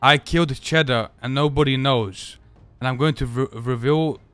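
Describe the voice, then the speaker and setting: A man's voice: medium pitch, normal speed, a bit bright, no room sound, soft background music, close to an everyday voice. A man playing a flustered underling musician in an improvised game role-play, hesitant and stammering as he pleads and makes excuses. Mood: pleading, bargaining.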